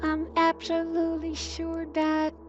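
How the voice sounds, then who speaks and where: A woman's voice: very high voice, monotone, a little slow, muffled recording, faint music behind. A woman playing a horror game, her voice run through a robotic auto-tune filter, commenting and reading the game's text aloud in a sing-song way.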